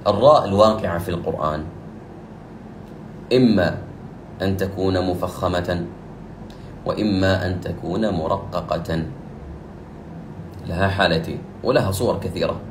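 Male recitation teacher, low voice, brisk explanations with slow recited examples, echoey room. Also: noisy background. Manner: explains rules quickly, then recites verses slowly and louder. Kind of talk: tajweed lesson with recited examples.

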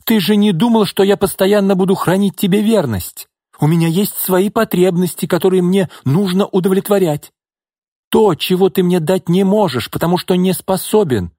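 A man's voice: lively intonation, moderate pace, warm tone, dry recording, studio quality. A man reading an audiobook, voicing a furious, scheming young woman who screams and mocks. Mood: shrieking. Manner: shrill, screaming, mocking.

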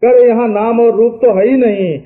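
A man giving a spiritual discourse, explaining slowly with chanted verses and spoken asides. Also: very high voice, steady tone. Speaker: spiritual teacher. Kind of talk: Vedanta discourse. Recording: tinny lo-fi archival tape.

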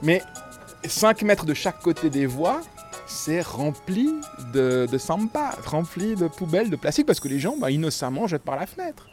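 Very animated and slightly high-pitched, this Swiss-raised foundation founder talks at a moderate pace over music. In a casual restaurant interview, he drives his points home emphatically, repeating them again and again.

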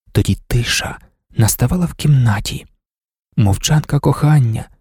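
A man narrating a novel aloud for an audiobook in a calm, lyrical storytelling manner. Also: mid-range voice, husky, no echo, studio quality.

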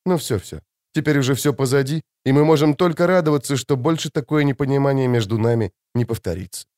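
A man reading the part of a gentle, remorseful noble mother who speaks softly and soothingly. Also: medium pitch, a little fast, no room sound, clean studio sound, close to an everyday voice. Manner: soft and soothing.

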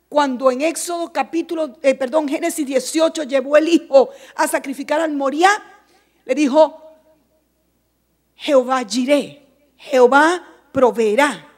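A woman preaching a fervent church sermon in a very high voice. She talks slowly and emphatically and repeats her phrases. She drops to soft asides, then rises into shouted exhortation.

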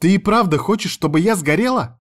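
A man voicing a dramatic, excitable teenage girl who is the narrator's younger sister. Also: medium pitch, moderate pace, pitched above the performer's own voice, natural voice. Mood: indignant. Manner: exclaiming, protesting, dramatic.

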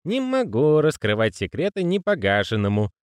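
Wheezy old postman, fussy, pious, high voice, animated, dry close audiobook sound, as a man puts him on. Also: normal speed, dry recording. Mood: fussy, earnest. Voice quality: wheezy, raspy whisper. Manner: deferential, says sir constantly. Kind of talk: audiobook character voicing.

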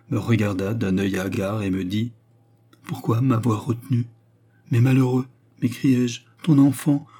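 A male reader voicing a gentle, despairing young woman who pleads and tells of her grief through tears. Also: medium pitch, breathy edge, close to an everyday voice. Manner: pleading, tearful.

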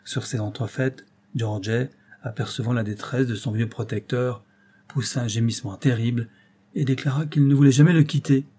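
A man narrating a classic novel as an audiobook, steady and literary. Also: medium pitch, moderate pace, husky. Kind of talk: scripted narration.

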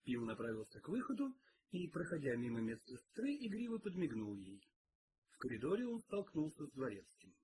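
A man narrating an audiobook in an expressive storytelling manner. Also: mid-range voice, a little fast, slight background noise, low-quality recording. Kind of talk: audiobook reading.

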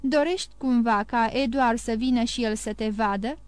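A cool, polite middle-aged stepmother speaking with formal courtesy, read by a woman narrator. The voice is fairly high and recorded dry, with no room around it. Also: darkish tone, smooth, no room sound, natural voice.

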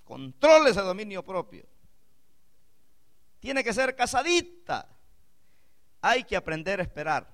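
A male pastor preaching a sermon, moving from chatty asides with the congregation to impassioned, loud exclamations. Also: fairly high pitch.

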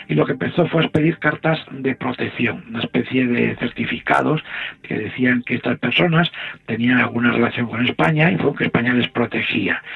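A man, an interview guest calmly explaining history with frequent "eh" pauses. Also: medium pitch, gravelly, slightly rough. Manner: measured, explanatory, pauses often with "eh". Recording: tinny phone-like line.

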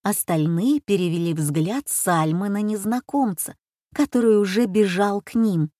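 A woman's voice: medium pitch, moderate pace, warm tone, no room sound. Woman narrating an audiobook, dry sound.

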